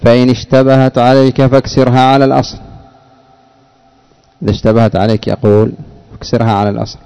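A man's voice: mid-range voice, little pitch movement, fast talker, dark tone, clean tone. A man teaching grammar in a classroom, explaining rules and quizzing students by name. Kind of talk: classroom lesson with questions to students.

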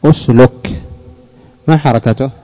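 A man's voice: mid-range voice, measured pace, mellow, muffled recording, faint music behind. A man teaching grammar in a classroom, explaining rules and quizzing students by name. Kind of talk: classroom lesson with questions to students.

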